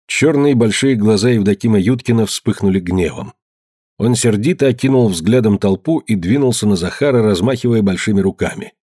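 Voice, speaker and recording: A man reading a novel aloud in measured scripted narration. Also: on the low side, slightly rough, dry recording, studio quality. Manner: measured, even storytelling. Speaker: audiobook reader.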